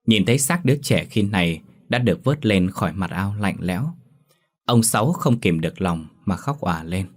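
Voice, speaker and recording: A man narrating a ghost story in a steady, grave storytelling manner. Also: sits low, moderate pace.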